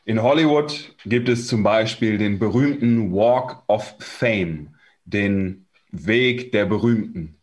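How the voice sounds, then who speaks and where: A German man preaching a sermon in short, conversational phrases, pausing for his interpreter. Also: lowish voice.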